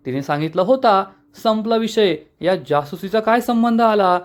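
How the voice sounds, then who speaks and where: A young businessman hero in a serial retelling, read by a man. He asks measured questions and stays calm but firm. His voice sits fairly high. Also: natural voice. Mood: questioning.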